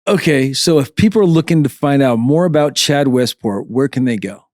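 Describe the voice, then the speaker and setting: A man's voice: mid-range voice, normal speed, darkish tone, no echo, studio quality. A man hosting a podcast in casual chat, easygoing and agreeable. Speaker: podcast host.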